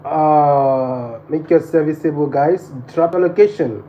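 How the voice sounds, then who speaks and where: The host of a casual livestream, a man from Nigeria speaking with a Nigerian accent, keeps repeating phrases insistently as he talks to viewers. His mellow voice is a little high and measured in pace, over a dull lo-fi feed with background noise.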